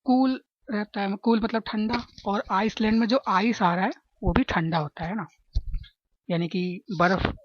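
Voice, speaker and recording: A woman's voice: mid-range voice, no room sound, lo-fi sound. Chatty woman teaching exam tricks. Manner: chatty, keeps asking "है ना?" to check understanding. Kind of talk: explaining exam facts with memory tricks.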